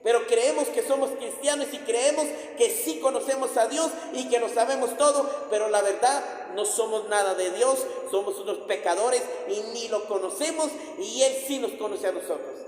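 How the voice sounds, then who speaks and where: High-voiced fervent preacher in echoey hall. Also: male voice, moderate pace, few pauses. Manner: fervent, repetitive, stammering restarts. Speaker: preacher giving testimony. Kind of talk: sermon with personal testimony.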